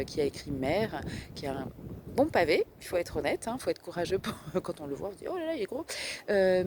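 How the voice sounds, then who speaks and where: Une thérapeute française qui parle spontanément face à la caméra, avec beaucoup d'hésitations et de reprises. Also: female voice, on the low side, darkish tone, a little hiss or hum. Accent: French. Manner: hesitant, many fillers and self-corrections. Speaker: holistic therapist. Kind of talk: casual recommendation vlog.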